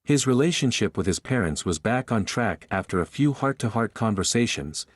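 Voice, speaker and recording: Low-voiced male audiobook narrator. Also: lively intonation, normal speed, dry recording. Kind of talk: scripted narration.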